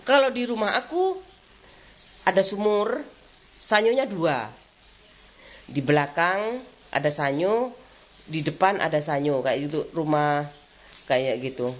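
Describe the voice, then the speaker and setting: A middle-aged woman, chatting casually in a vlog, rambling and laughing often as she talks. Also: mid-range voice. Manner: rambling, frequent laughter, repeats "kayak gitu". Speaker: vlogger.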